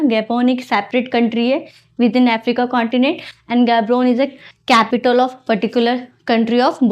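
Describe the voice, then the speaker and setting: Fairly high-voiced woman teaching. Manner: mixes Hindi and English, explains patiently with memory tricks. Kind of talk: online exam-prep map lesson.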